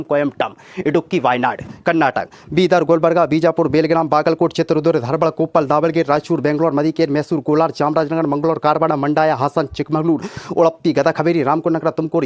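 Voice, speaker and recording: A young man from India reciting a memorized list in a rapid, unbroken stream, as if all in one breath. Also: a little high. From India, Datia district. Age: young adult. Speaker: record-attempting reciter.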